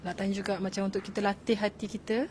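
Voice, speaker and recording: A woman's voice: mid-range voice, little pitch movement, rapid-fire, darkish tone, a little hiss or hum. A Malaysian woman asking a question in casual conversation, speaking hesitantly and searching for words.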